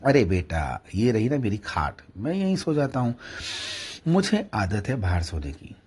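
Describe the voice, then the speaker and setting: A man voicing a kindly, frail old village shopkeeper, speaking gently. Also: lowish voice, sing-song, measured pace, husky, exaggerated voice. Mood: tender. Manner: gentle, scolding to the dog.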